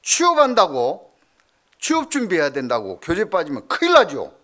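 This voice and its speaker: A middle-aged male pastor preaching a sermon, telling stories with swings from loud to hushed. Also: high-pitched, huge pitch swings, normal speed.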